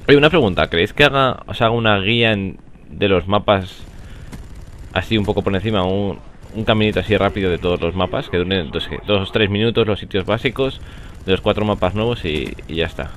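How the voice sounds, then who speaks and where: Young guy from spain rambling over a match, jokey, yells now and then, lowish voice. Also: brisk, a little hiss or hum. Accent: Spanish from Spain. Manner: rambling, joking, excitable outbursts. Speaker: gaming commentator. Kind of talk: casual live gameplay commentary.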